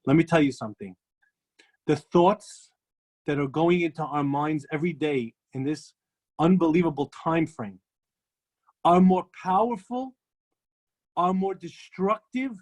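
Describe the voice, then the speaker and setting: Emphatic rabbi teaching an ethics class. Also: male voice, high voice. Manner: emphatic storytelling, repeating phrases for effect.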